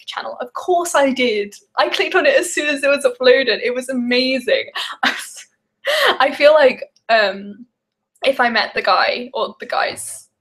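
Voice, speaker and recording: Her high, fairly bright voice keeps a measured pace as this young Midlands woman bakes on a live stream. A vlogger with a Midlands accent, she chats casually and rambles, full of fillers and giggles.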